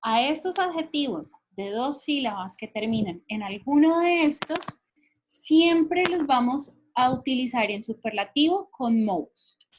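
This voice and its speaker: A woman's voice: sits high, animated, a little slow, slight background noise. A woman teacher explaining English grammar rules patiently, often checking that her students follow along. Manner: patient, checks understanding with frequent questions. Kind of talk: recorded grammar lesson explaining in Spanish.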